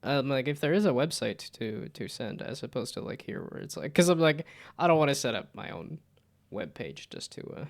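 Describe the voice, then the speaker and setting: A man's voice: medium pitch, animated, normal speed. A man chatting casually as he hosts a game livestream, rambling and often trailing off mid-thought. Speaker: livestreamer host. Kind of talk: casual livestream chat while playing games.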